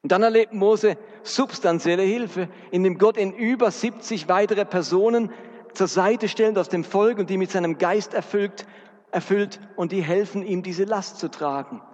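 A man's voice: high-pitched, normal speed, a little mellow. A man preaching a sermon, earnest and speaking directly to his congregation. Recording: dull recording with long hall reverb.

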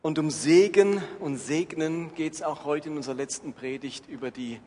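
Man preaching a sermon, fairly high voice, long echo, faint background hum. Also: normal speed, mellow. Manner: earnest, reads scripture aloud. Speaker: pastor. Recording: echoey hall, faint ambience.

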